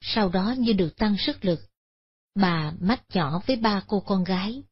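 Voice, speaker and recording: Woman, Buddhist story narration, solemn, husky voice, lo-fi. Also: mid-range voice, animated, a little slow. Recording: dull lo-fi sound.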